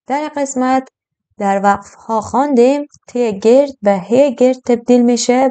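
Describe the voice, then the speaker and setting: A woman, teaching Quran recitation step by step. She explains patiently and draws out the recited verses slowly. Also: on the high side, dark tone, smooth.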